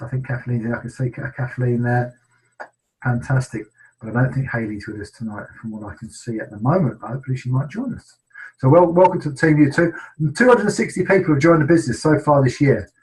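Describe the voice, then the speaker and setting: A man's voice: medium pitch, fairly quick, a little mellow, poor audio. Chatty English man hosting a webinar. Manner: chatty, enthusiastic, many ums and restarts. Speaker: team leader hosting a sales webinar. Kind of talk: casual upbeat webinar hosting.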